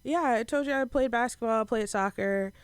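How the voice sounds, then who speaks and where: A woman's voice: on the high side, normal speed, clear, resonant tone, dry recording. Woman producer, casual rambling talker who swears freely; dry, close studio sound. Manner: rambling, many fillers and restarts, swears freely. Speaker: podcast producer. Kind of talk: casual chat. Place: podcast studio.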